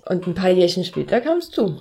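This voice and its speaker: A woman in her thirties from Berlin, co-hosting a podcast and telling her story in relaxed chat with frequent laughs. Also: lowish voice, fairly quick, vocal fry. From Berlin, Germany. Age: 30s. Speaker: podcast co-host.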